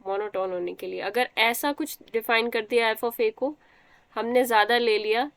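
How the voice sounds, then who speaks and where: A woman's voice: a little high, moderate pace, creaky, fairly bright tone, clean tone, dry recording. A young woman teaching a math class, explaining step by step and quizzing students as she goes. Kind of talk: live online math class.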